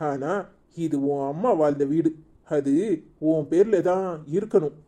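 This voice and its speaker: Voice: mid-range voice, unhurried, warm tone, lightly acted. A performer voicing a protective young husband in a cartoon serial, with a Tirunelveli Tamil accent, scolding and coaxing by turns. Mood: reassuring. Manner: scolding then coaxing, repeats pleas.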